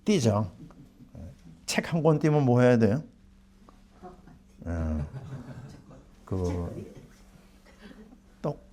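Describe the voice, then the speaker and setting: A middle-aged male pastor delivers a sermon in a warm, mellow voice. He keeps asking the congregation questions and then answers them himself, and his voice sits at a medium pitch. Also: big pitch swings, drawn-out words, pauses often.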